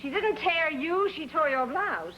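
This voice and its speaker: A gently teasing mother. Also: high voice, sing-song, measured pace, lo-fi sound, full character voice. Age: middle-aged. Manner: mild, dry teasing. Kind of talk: 1950s sitcom acting. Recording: noisy old TV soundtrack, loud audience laughter.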